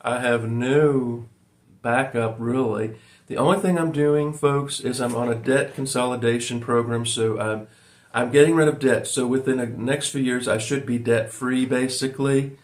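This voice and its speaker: Talking at normal speed in a steady, medium-pitched voice, a Virginia man in his forties meanders through a personal vlog. He fills it with ums and uhs and keeps addressing his viewers as "folks."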